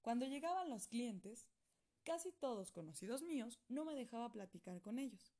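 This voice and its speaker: A woman reading a first-person novel aloud in steady, plain storytelling. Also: on the high side, moderate pace. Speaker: audiobook reader. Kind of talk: first-person audiobook narration.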